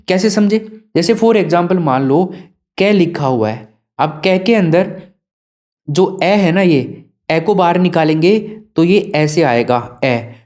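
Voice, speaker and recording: Male teacher, mellow voice, lecture style with questions to the class. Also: high voice. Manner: asks students questions and answers them himself. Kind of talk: classroom lesson.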